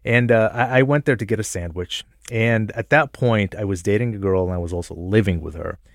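A man from Jordan telling personal stories in a relaxed radio conversation, thoughtful and quick to laugh. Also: on the low side, gravelly, no echo, clean studio sound. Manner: thoughtful, self-reflective, laughs easily.

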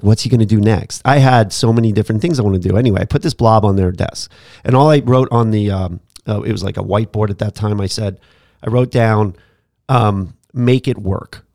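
A man hosting a podcast, telling a story about his teaching days in a casual, animated way with frequent laughs and restarts. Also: medium pitch, no echo, studio quality. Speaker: podcast host, former teacher.

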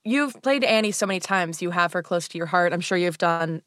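A woman hosts a casual podcast chat with open enthusiasm. Her pitch is very animated, and she is recorded dry. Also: fairly quick, dry recording. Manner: enthusiastic, exclaims and laughs often. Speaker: podcast host.

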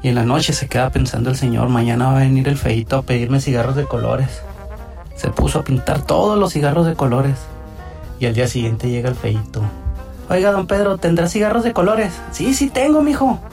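A man with a gravelly voice rattles off a joke and switches into voices for its characters. He sounds distant, with faint music behind him. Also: medium pitch, lively intonation, a little mellow. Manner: quick joke telling, shifting into character voices. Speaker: joke sender. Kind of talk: telling a joke.

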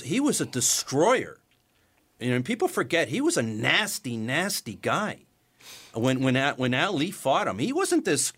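A male sports radio host with a lively, up-and-down delivery. His pitch sits mid-range, and he often restarts his sentences as he builds his point. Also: husky.

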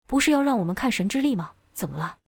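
A woman's voice: fairly high pitch, lively intonation, fast talker, vocal fry, slightly rough, dry recording, studio quality, heavily acted. A woman voicing a group of hostile soldiers in a storybook reading, taunting mockingly. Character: jeering hostile soldiers, men.

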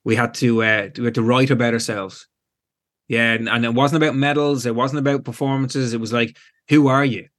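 A man's voice: medium pitch, fairly even intonation, a little fast, fairly bright tone. Man, 40s, Irish accent, guest, casual chat, rambling, filler words. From Ireland. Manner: rambling, chatty, lots of fillers.

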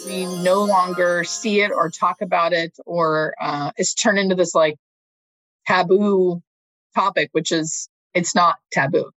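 A woman's voice: lowish voice, steady tone, measured pace, a bit bright, no room sound, faint music behind, low-quality recording. A woman speaking as an interview guest, a hospice nurse talking casually and thinking aloud as she checks for agreement.

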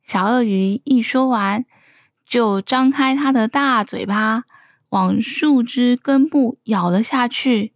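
A woman narrating a children's story in a slow, gentle, expressive way. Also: on the high side, no room sound, clean studio sound.

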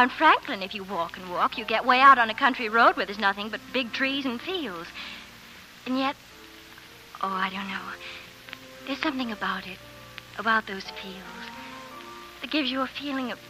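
Actress doing a young hopeful starlet, earnest, dramatic, higher voice, music behind, old radio broadcast. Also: female voice, normal speed, long pauses, lightly acted, poor audio. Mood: rapturous. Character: eager young woman dreaming of stardom. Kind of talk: 1940s radio acting.

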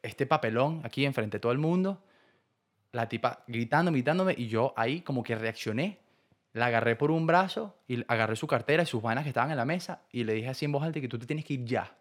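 A young man, co-hosting a podcast and telling a story fast and animated, full of slang and repetition. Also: medium pitch. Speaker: podcast co-host. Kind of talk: casual storytelling chat.

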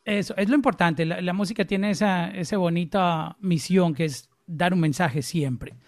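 A man's voice: sits high, normal speed, dry recording. A man from Colombia with a Colombian accent, hosting a podcast interview in an enthusiastic, casual way with frequent small restarts. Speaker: podcast host.

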